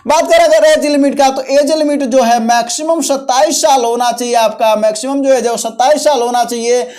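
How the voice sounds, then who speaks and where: The host of a job-notification video channel speaks in a high-pitched, steady, somewhat dark voice at a brisk clip. In this informal explainer on exam and job details, they instruct, repeat key points, and check in with listeners often.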